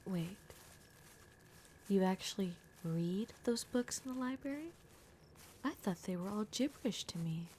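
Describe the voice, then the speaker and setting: Playing a gruff, protective young werewolf girl in ASMR, a woman sounds exasperated yet caring, blunt, and often whispers. She speaks in a natural, darkish, medium-pitched voice, expressive and measured, with frequent pauses. Slight background noise is present.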